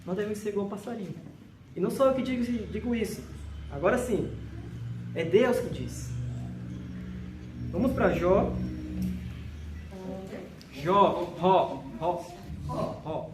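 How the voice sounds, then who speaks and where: A man from Brazil preaching a sermon, emphatic, slowly repeating each verse reference. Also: sits high, expressive, music in the background. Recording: echoey hall with faint noise.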